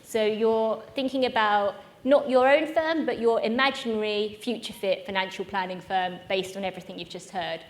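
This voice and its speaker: A woman's voice: mid-range voice, moderate pace, few pauses. A woman hosting a live conference session, chatty and self-mocking. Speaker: event host. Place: conference room with live audience.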